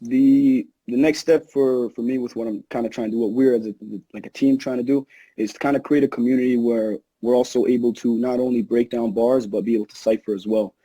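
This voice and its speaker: Man, casual podcast chat, relaxed, very mellow dark tone, dry sound. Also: mid-range voice, fairly quick, no echo, rough recording. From Egypt. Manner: laid-back, relaxed, lots of "you know". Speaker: new host, rapper.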